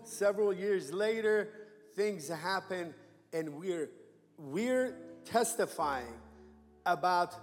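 High-voiced man. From Iran. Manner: emphatic preacher, calls for amens. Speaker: guest missionary. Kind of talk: church testimony. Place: church sanctuary. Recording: echoey sanctuary with faint music.

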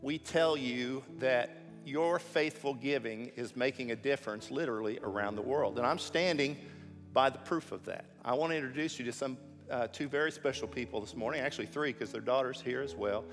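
A man's voice: medium pitch, a little fast. A man speaking as a pastor, giving friendly church announcements and introducing guests. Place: church sanctuary. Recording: echoey sanctuary with faint music.

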